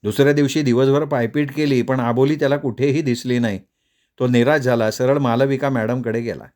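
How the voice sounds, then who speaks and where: Male storyteller, measured, short phrases, audiobook narration, mid pitch. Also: darkish tone.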